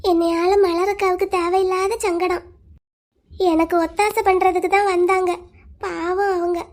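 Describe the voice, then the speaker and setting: A woman voicing a shy young village woman who does not want her marriage, speaking softly and hesitantly in a cartoon. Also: very high voice, little pitch movement, moderate pace. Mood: worried. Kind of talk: Tamil cartoon voice acting.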